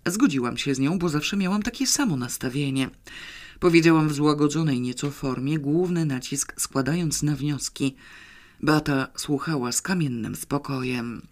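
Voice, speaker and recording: Guy reading an audiobook, steady, voice a little on the high side. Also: normal speed. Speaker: audiobook narrator. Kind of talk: audiobook narration.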